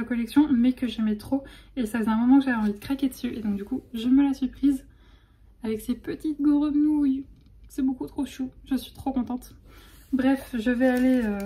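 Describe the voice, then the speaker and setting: Young woman vlogger, kinda high voice but mellow, chatty and excited, lots of euh and restarts. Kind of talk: casual vlog chat.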